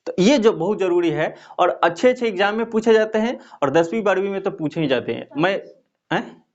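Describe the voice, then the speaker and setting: A man's voice: high voice, animated, fairly quick. Patient male Hindi teacher, lo-fi audio. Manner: patient, asks rhetorical questions to the class. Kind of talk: explaining to students.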